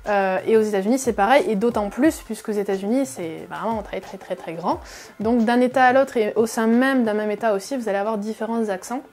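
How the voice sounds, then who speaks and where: A woman's voice: medium pitch, fairly quick, darkish tone. A woman hosting a reaction video, explaining casually with many fillers and frequent restatements. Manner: chatty, many fillers and repeated "effectivement".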